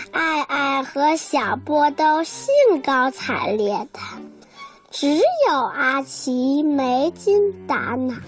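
High-voiced woman reading a children's story. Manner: gentle, expressive storytelling. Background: children's music.

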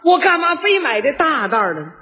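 A man performs comic crosstalk with theatrical, rhythmic punchlines. His voice sits very high and swings widely in pitch. The old stage recording is dull and carries a long hall reverb. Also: big pitch swings, brisk, bright, forceful tone. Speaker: lead crosstalk comedian.

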